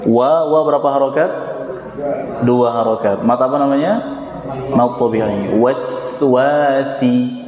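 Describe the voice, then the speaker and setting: A man's voice: mid-range voice, a little slow, long pauses, crowd noise. A man teaching Quran recitation with an Indonesian Jakarta accent, patiently modeling each sound and having students repeat it. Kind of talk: tajwid lesson with call-and-response drills. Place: prayer hall. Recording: echoey hall, reverb.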